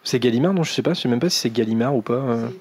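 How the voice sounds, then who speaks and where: A man co-hosts a fan podcast in a chatty, relaxed way. He talks at a middle pitch, trips over his words and fills the gaps with hesitations as he thanks listeners. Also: racing. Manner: chatty, relaxed, full of fillers and restarts. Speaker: podcast co-host. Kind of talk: casual podcast chat.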